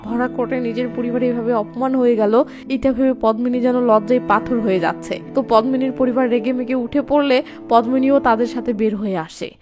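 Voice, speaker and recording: A young woman narrating a film recap as a story, reading out each character's lines herself in a lively way. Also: a little high, a little fast, over music.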